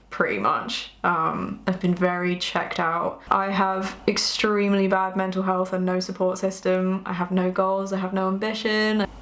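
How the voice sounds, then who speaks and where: A young woman, speaking candidly and hesitantly in a confessional vlog while holding back tears. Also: fairly low pitch. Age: young adult. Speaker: vlogger. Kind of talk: confessional vlog, casual chat. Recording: roomy indoor echo.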